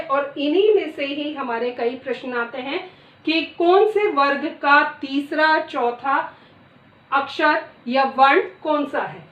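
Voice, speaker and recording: A middle-aged woman teaching a lesson, reciting letters one by one in a deliberate way. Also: sits high. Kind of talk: classroom lesson. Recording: echoey room, distant dull mic.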